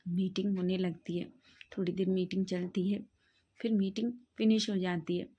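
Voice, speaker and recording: Woman, storyteller, casual narration, mellow tone, animated delivery. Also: fairly low pitch, normal speed, husky, dull audio. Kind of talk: fan fiction storytelling.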